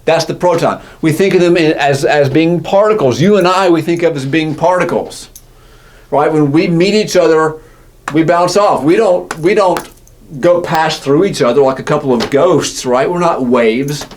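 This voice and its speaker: A man's voice: fairly high pitch, normal speed, a little mellow, a little hiss or hum. A man teaching physics in a casual, self-correcting lecture style, often checking in with "right?". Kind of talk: classroom lecture.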